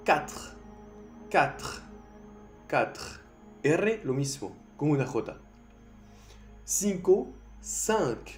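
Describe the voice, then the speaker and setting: French-accented man, language teacher, slow and careful, mellow voice, echoey room, faint music behind. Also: medium pitch. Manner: slow, drawn-out sounds repeated for the learner. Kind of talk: language lesson.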